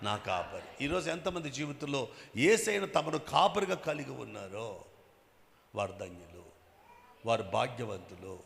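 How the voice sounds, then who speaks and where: A man preaching a sermon as bishop with a Telugu accent, emphatic, swinging from loud bursts to quiet asides and prodding the congregation with questions. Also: mid-range voice, vocal fry, slight background noise. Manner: emphatic, bursts loud then drops soft, prods the crowd with questions. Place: church hall with long reverb. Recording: echoey church hall.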